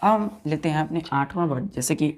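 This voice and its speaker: A woman teaching a vocabulary lesson to students, spelling words out slowly letter by letter and counting the letters, calling her listeners children. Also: deep voice, darkish tone. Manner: addresses students repeatedly as children.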